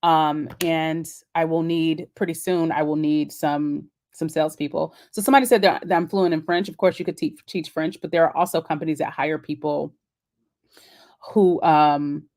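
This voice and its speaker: A woman's voice: deep voice, steady tone, moderate pace, darkish tone. A woman hosting a casual live-stream Q&A about remote work, chatty and encouraging, with many fillers and restarts. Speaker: host of a live Q&A.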